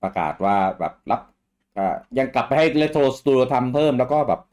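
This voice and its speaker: A man's voice: medium pitch, expressive, brisk, a little mellow, clear, resonant tone. A man in his thirties from Thailand, hosting a podcast in a rambling casual chat full of fillers and repeats. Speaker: podcast host.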